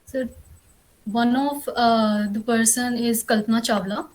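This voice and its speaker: A young woman with a North Indian accent and a fairly high voice gives formal answers in a job interview. Her manner is deferential and polite throughout. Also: steady tone, measured pace, darkish tone, rough recording. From Karnal, Haryana, India. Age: young adult.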